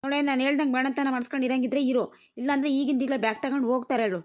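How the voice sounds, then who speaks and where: A woman's voice: high voice, steady tone, very fast, lightly acted. Woman voicing a scolding village grandma. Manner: nagging, scolding rural speech. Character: scolding village grandmother, tired and sharp-tongued. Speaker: grandmother tending a newborn.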